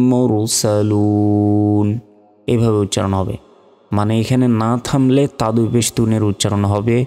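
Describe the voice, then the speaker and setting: A man's voice: fairly low pitch, darkish tone, in a large hall. A man teaching Quran reading, spelling out each letter and vowel mark syllable by syllable. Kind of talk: step-by-step spelling lesson.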